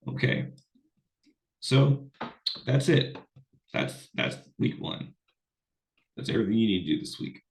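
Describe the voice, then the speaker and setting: Gravelly, low-voiced man lecturing casually. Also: big pitch swings, measured pace, pauses often. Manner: casual, rambling with fillers and restarts. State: unwell, voice sounds off. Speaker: college English instructor. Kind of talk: recorded online lecture.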